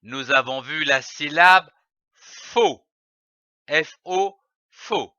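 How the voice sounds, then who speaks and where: A man teaching a reading lesson for young children, spelling out letters and syllables slowly and deliberately. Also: a little high, pushed and bright, dry recording. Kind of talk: slow, carefully articulated phonics lesson. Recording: dry, dull lo-fi voice-over.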